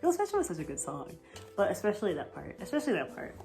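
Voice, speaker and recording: A young woman from the United States chats casually in a vlog, rambling and gushing, full of fillers and giggles. Her medium-pitched voice swoops wildly and moves fast, sounding a little mellow over soft background music.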